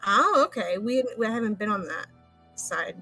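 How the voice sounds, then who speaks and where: A woman chatting casually and haltingly as a player in a tabletop role-playing game. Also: medium pitch, expressive, over music. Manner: informal, halting. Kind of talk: casual in-character game chat.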